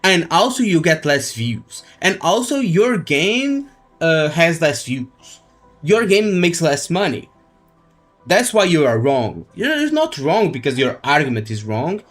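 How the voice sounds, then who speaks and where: A man's fairly high, slightly bright voice swings widely in pitch as he talks at a measured pace on a game livestream. He gives his opinions casually and repeats phrases while making his points, with faint music behind.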